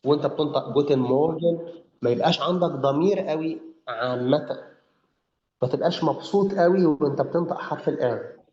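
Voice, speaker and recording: A man's voice: on the high side, fairly quick, darkish tone. A male teacher with an Egyptian Arabic accent leads a live lesson, repeating words over and over for his students. The recording is roomy and muffled. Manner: drills pronunciation, repeats words for learners. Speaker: language teacher.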